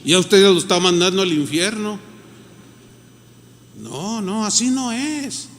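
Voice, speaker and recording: A man's voice: high voice, lively intonation, unhurried, a bit bright. A man with a Mexican Spanish accent preaching a sermon as pastor, in a conversational style that acts out the voices of the people he quotes. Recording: reverberant hall.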